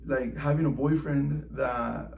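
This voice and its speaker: A man's voice: medium pitch, steady tone, takes it slowly, vocal fry, a little mellow, roomy sound, dull audio. A man telling a personal story in a loose, slangy way, peppered with "like" and "bro" and plenty of swearing. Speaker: vlogger. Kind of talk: casual storytime monologue.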